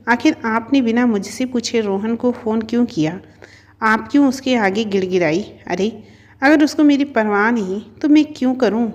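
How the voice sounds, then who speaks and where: A woman voicing a stubborn, proud young wife who lashes out in sharp, demanding outbursts in a storybook. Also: on the high side, dull audio, close to an everyday voice. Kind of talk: storybook narration.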